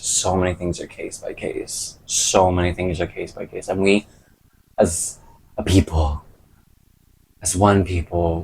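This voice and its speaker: Male vlogger, low-pitched voice, loose sweary slang, casual rambling monologue. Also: a little mellow, a little hiss or hum, poor audio. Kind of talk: casual rambling chat to camera.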